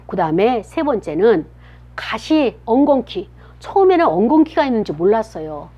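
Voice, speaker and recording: A woman giving a children's sermon, telling a story and asking the children questions as she goes. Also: fairly high pitch. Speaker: children's pastor. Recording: dull lo-fi recording.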